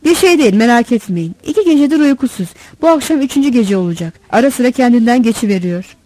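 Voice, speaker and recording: A woman's voice: fairly high pitch, lively intonation, fast, mellow, no room sound, low-quality recording. A woman voicing a cheeky, smarmy male truck driver's helper who talks in a carefree, teasing way, in a storybook reading. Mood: chatty.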